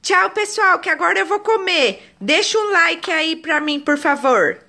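A woman's voice: very high-pitched, expressive, unhurried, vocal fry, sharp tone, voice pushed up, exaggerated voice. A mother doing a cutesy baby girl voice. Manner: cutesy sing-song baby talk. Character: baby girl begging viewers for likes.

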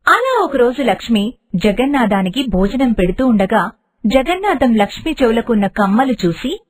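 A woman narrates an animated moral storybook in a steady, expressive manner. Her voice is husky and breathy, pitched a little high. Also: normal speed.

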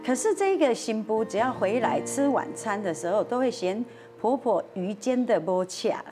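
A woman's voice: a little high, expressive, normal speed, over music. A woman with a Taiwanese accent telling a dramatic anecdote on a talk show, acting out the quoted voices and slipping into Hokkien phrases. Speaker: storyteller guest on a talk show.

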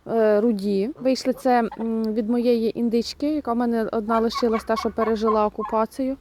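A young Ukrainian homestead vlogger walks around her rural yard and garden, chatting casually to viewers and raising her voice to shoo her birds, with geese and turkeys calling. Her fairly high voice is steady and a little fast over noisy surroundings.

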